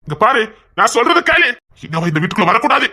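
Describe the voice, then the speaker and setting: A man's voice: extremely high pitch, very animated, fast talker, bright, forceful tone, full character voice. A man with a Tirunelveli accent playing a harsh, hot-tempered young man who gives commands and threats. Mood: stern, angry. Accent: Tirunelveli Tamil. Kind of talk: comedy skit drama.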